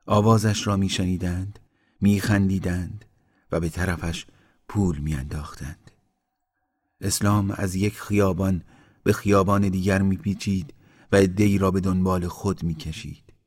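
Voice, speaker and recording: A man reading a literary story aloud in a slow, measured narration that sinks quieter in grim passages. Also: deep voice, fairly even intonation.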